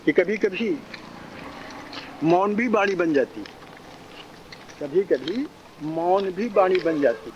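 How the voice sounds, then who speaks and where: High-voiced man teaching, lo-fi. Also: lively intonation, darkish tone. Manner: chuckling often, drawn-out teaching cadence, repeats phrases. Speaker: spiritual teacher. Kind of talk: spiritual discourse. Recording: dull lo-fi recording, faint noise.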